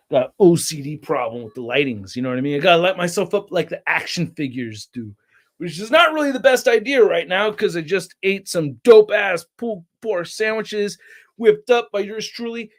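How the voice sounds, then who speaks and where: Man, young adult, livestream host, rambling casual chat, slightly high voice. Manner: rambling, reads chat names aloud, excitable bursts. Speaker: toy channel livestream host.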